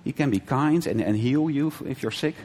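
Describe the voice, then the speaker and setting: A man teaching a conversational sermon, often checking with his listeners with a quick "right?" and restarting his sentences. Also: medium pitch, a little mellow. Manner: conversational, frequent "right?" checks and brief laughs, self-correcting restarts. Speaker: preacher. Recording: long hall reverb.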